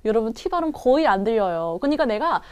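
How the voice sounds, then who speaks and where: A woman teaching English pronunciation in an online lesson, repeating short English phrases slowly for learners to copy. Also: a little high, very animated, a little mellow, smooth.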